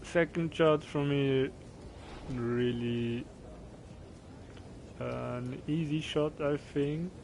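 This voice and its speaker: A man with a German accent chats casually on a game stream, halting as he thinks aloud. He speaks slowly at a middle pitch, with clear noise behind him. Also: fairly even intonation. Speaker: live streamer playing a golf game.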